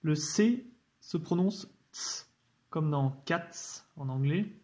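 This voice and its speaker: A man teaching in a casual video lesson, explaining in a relaxed, chatty way with small asides and fillers. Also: fairly high pitch, takes it slowly. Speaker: language teacher.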